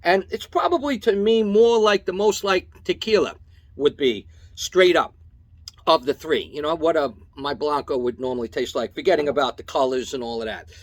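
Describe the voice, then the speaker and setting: A man's voice: a little high, normal speed. A man from Long Island giving a casual, enthusiastic tasting review to camera, repeating his praise and checking in with the viewer. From Long Island, New York. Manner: enthusiastic, keeps checking in with "okay?". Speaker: tequila reviewer.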